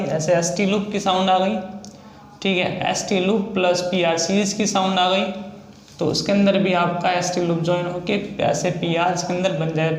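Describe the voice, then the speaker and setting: A man's voice: high-pitched, reverberant. A man teaching a shorthand lesson in a casual, repetitive style. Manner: explains slowly, repeats sounds and steps.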